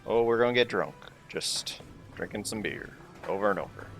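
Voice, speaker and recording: A man's voice: fairly low pitch, normal speed, fairly bright tone. A man streaming a video game, commenting casually with rambling, self-mocking asides. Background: game music.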